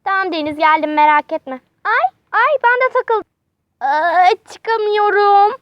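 Brief: woman voicing frightened tiny kids, very high pitch, muffled lo-fi recording. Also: expressive, measured pace, dry recording. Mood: panicked. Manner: pleading, panicky cries for help. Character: small lost schoolchildren stuck in bushes. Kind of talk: toy doll role-play. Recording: dull lo-fi home recording.

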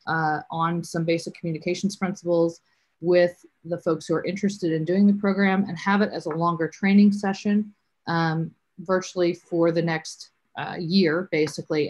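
A young woman with a lowish voice hosts a livestream over a video call from an office. She talks in a chatty way, often pausing on fillers before she hands over to the next guest. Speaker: host.

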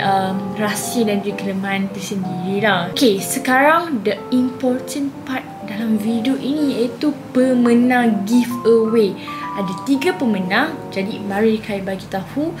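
Young malaysian girl vlogger, highish voice, chatty to camera, music playing behind her. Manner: chatty, addresses viewers directly. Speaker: video blogger. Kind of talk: casual chat to camera, unboxing and giveaway. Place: small indoor room at home. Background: background music.

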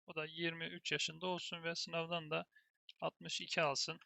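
A man with a fairly high, bright voice and a gravelly edge, talking through a terminal tutorial step by step. He thinks aloud as he types and keeps turning to the viewers. The sound is dry and close, with no room around it. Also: monotone, moderate pace, no echo, lo-fi sound. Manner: thinks aloud while typing, keeps addressing viewers as "friends". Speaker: programming instructor. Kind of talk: screen-recorded terminal tutorial.

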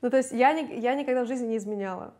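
A young woman, a singer, talking candidly and casually in an interview, chatty and quick to laugh. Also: fairly high pitch, warm tone.

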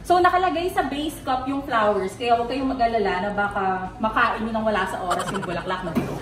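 A woman's voice: fairly high pitch, fast, echoey room, background noise. A woman vlogger, chatting upbeat through a face mask in a small cafe. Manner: chatty, upbeat, mixes English in. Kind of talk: casual food review vlog.

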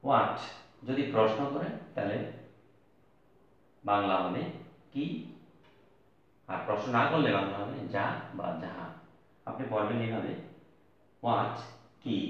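A man teaching an English lesson at a board, spelling out letters slowly and stressing key words. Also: fairly low pitch, fairly bright tone. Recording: echoey, distant, dull lo-fi recording.

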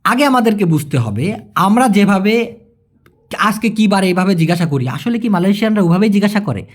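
Man, language lesson, animated pitch, patient and repetitive. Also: fairly quick. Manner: repetitive, coaxing, checks understanding often. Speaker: language teacher. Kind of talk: explaining Malay vocabulary to viewers.

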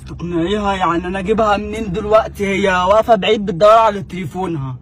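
A man's voice: high-pitched, rapid-fire. A young man with an Egyptian accent making a prank phone call, talking in a pleading, whiny, melodramatic way. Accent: Egyptian Arabic. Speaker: prank caller.

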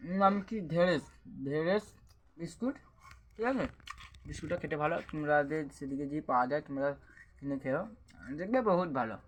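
Young man, a bit hoarse, higher voice, casual vlog chatter, phone mic outdoors. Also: brisk. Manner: chatty, keeps asking "ঠিক আছে?". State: slightly hoarse. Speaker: vlogger. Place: outdoors in a village, fields and lanes. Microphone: handheld phone.

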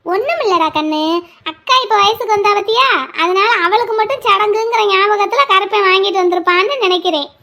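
A woman voicing an older village aunt in a cartoon, with a slow, coaxing, motherly way of talking. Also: very high voice, sharp tone, highs cut off, pitched below the performer's own voice, exaggerated voice. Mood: soothing. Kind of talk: cartoon voice acting.

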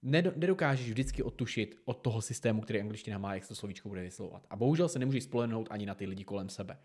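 A man's voice: medium pitch, a little mellow. A man teaching English pronunciation in a casual tutorial, talking straight to the viewer in an informal, direct way.

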